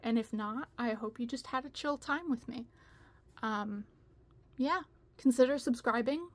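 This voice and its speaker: A woman's voice: on the high side, measured pace. A woman hosting a casual video from home, rambling and chatty with frequent laughter. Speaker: video host.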